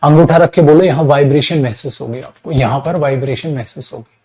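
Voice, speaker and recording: A man's voice: fairly high pitch, a little mellow, slightly rough, low-quality recording. Hindi-speaking man teaching English sounds. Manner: addresses students as beta, drawn-out demonstration of sounds. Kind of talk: online classroom lesson.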